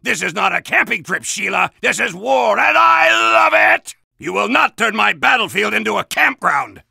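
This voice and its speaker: Soldier, gravelly shouting American military man. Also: high-pitched, sing-song, moderate pace, no echo, clean studio sound, heavily acted. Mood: gloating, belligerent. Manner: drill-sergeant barking, bombastic insults. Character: gung-ho, belligerent American army soldier, barking and bombastic. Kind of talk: video game voice lines.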